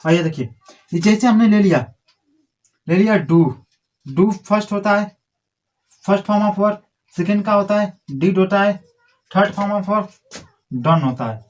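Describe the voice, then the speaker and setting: A man's voice: sits high, takes it slowly, long pauses. A man teaching a grammar lesson to a class, drilling and correcting pupils in a scolding, repetitive way.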